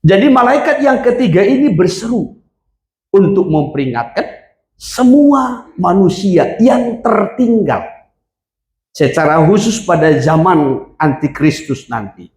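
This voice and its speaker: A male pastor preaching a sermon, explaining scripture with call-and-response and rising to emphatic shouts. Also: high-pitched, sing-song, unhurried, roomy sound. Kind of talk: sermon with congregation reading verses.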